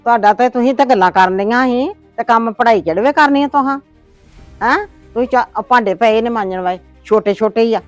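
A woman's voice: a little high, fairly quick, soft background music, close to an everyday voice. A woman playing a stern, nagging grandmother in a homemade family drama, lecturing and complaining. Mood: scolding. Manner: complaining, lecturing, sharp-tongued.

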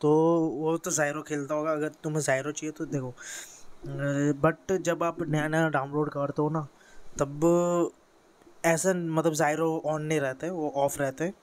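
A man's voice: on the high side, level tone, a little slow, clear, resonant tone. A teenage boy from India talks through a mobile game tutorial in a casual, rambling way, full of fillers and self-corrections. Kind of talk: casual screen-recorded tutorial. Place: bedroom with a fan running.

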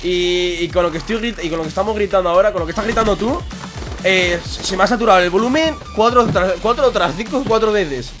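A young man giving excited gameplay commentary at a desk microphone, yelling and laughing at the game. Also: high voice, quick pace, music in the background. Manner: yells and laughs at the game, rambling. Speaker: gaming YouTuber.

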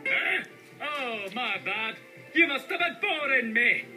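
Cranky old cartoon lighthouse keeper, high-pitched. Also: male voice, expressive, slow, pushed and bright, exaggerated voice, low-quality recording. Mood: cranky, dismissive. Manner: cranky, unimpressed. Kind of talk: animated cartoon acting. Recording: played from a television, re-recorded. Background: cartoon music.

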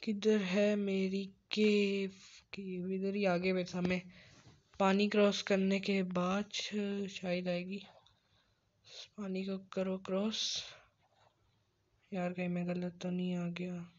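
A man's voice: high voice, completely flat delivery, slow pace, long pauses. A man giving solo gameplay commentary, frantic and self-scolding, repeating words and dropping to whispers. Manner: self-scolding, pleading with the game. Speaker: gamer. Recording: dull lo-fi mic with faint noise.

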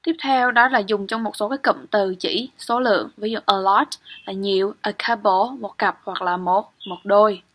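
A woman's voice: medium pitch, moderate pace, hardly any pauses, a bit bright. A young woman teaching English grammar in an exam-prep lecture, explaining step by step and often checking with "ok?".

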